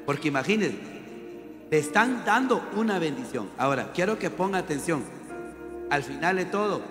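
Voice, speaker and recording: A man preaching a sermon, lively and emphatic, calling his listeners brother. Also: high voice, roomy sound, long reverb tail.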